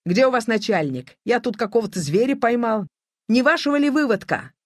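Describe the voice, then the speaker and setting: A reader voicing a simple, excited male truck driver in a storybook, calling out eagerly. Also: medium pitch, a little fast, no room sound, clean studio sound, natural voice. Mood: eager hailing. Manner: shouting out, eager.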